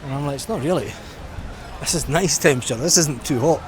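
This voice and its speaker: With a Scottish accent and a fairly quick delivery, a middle-aged vlogger rambles informally while walking a busy seafront. His pitch runs on the high side. The recording is outdoors, full of street and traffic noise.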